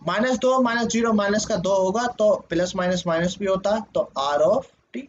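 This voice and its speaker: A man's voice: high-pitched, normal speed. A male teacher explaining a lesson at a board, asking questions and answering them himself, checking in with "okay" often. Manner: frequent "ठीक है" check-ins. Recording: dull lo-fi sound with faint noise.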